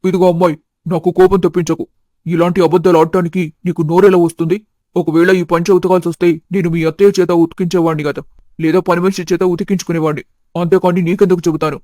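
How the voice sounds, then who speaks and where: Brief: stern father-in-law, put on by a woman, low and flat, scolding, storybook. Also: fast, dry recording, clean studio sound, natural voice. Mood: indignant. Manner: indignant, scolding.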